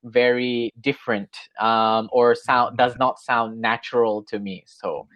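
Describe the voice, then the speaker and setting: A man's voice: mid-range voice, fairly even intonation, a little slow, fairly bright tone, no echo. A man from Australia working as an English tutor, chatting casually in an online lesson, agreeable and full of fillers and restarts. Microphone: video call.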